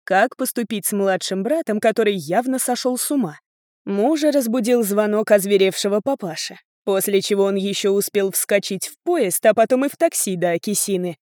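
Woman narrator, audiobook reading, calm, detached, mid pitch, dry close recording. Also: normal speed, no echo.

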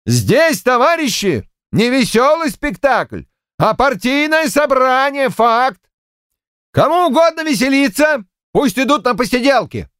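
A man's voice: extremely high pitch, big pitch swings, a little slow, a bit bright, clear, resonant tone, dry recording, clean studio sound, voice pushed up, heavily acted. A man playing an indignant farm leader who speaks with cold, cutting politeness.

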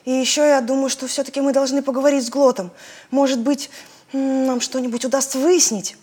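A woman voicing a gentle, thoughtful female cow with a soft way of talking. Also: high voice, level tone, a little fast, breathy edge, voice pushed up.

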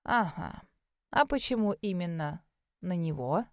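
A woman voicing an elderly male magic academy examiner, speaking slowly in a low, murmuring voice. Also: animated, dry recording, studio quality. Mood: measured, musing. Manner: slow, low, murmuring delivery.

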